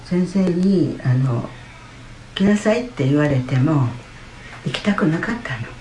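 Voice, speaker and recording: A woman gives a personal testimony in church, chatty and storytelling. Her voice sits low and mellow. It rings out in a roomy hall with a faint hum behind it. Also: a little slow. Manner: chatty storytelling, lively retelling. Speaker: church member giving testimony.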